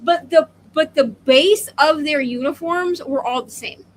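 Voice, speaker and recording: With a voice that sits high and a slightly slow pace, a thirty-something woman co-hosts a casual live book discussion, rambling and voicing strong opinions through emphatic asides. A little hiss or hum is audible.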